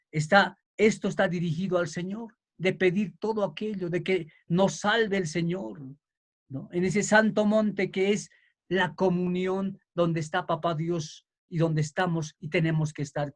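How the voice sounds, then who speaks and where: A man preaching a sermon in an emphatic way, building up to fervent shouting. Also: high-pitched, fairly even intonation, unhurried.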